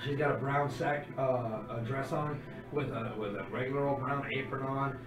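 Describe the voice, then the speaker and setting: A man's voice: medium pitch, fairly even intonation, moderate pace. A man running a tabletop role-playing game, narrating and improvising as game master. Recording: roomy, distant mic with music behind.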